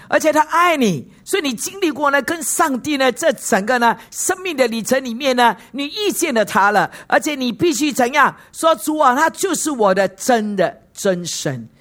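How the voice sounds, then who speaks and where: A woman's voice: high voice, a bit bright. A woman pastor giving a sermon in Mandarin, constantly putting questions to the congregation and slipping in short English words. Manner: asks the congregation frequent questions.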